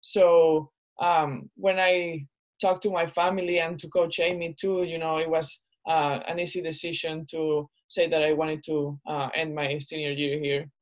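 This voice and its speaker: Speaking in a low voice at a slightly slow pace, this young adult Spanish speaker from northern Spain plays college basketball and is a guest on a podcast. The casual interview is relaxed and full of fillers such as "you know," though the recording is rough.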